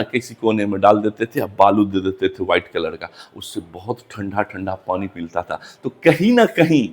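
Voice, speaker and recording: A man's voice: medium pitch, fairly bright tone. A middle-aged man from Bihar with a Bihari accent, teaching an English lesson and answering his own questions. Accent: Bihari Hindi. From Bihar, India. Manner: repeats questions back to students and answers them himself. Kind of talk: classroom lecture.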